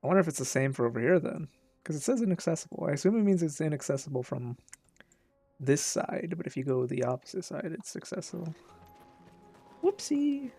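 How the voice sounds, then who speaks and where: A woman's voice: low-pitched, quick pace, dark tone, husky, no room sound, faint music behind. A woman giving casual, chatty video game commentary, playful and thinking aloud.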